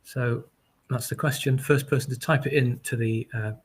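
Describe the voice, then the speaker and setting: Husky man hosting a webinar. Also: medium pitch, fairly even intonation. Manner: halting, friendly, many fillers. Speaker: webinar host.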